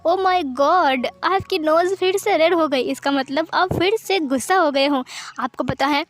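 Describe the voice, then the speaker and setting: A woman's voice: high-pitched, a little slow. A woman voicing a playful, teasing young male lover in a storybook read-aloud. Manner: teasing, giggly lines.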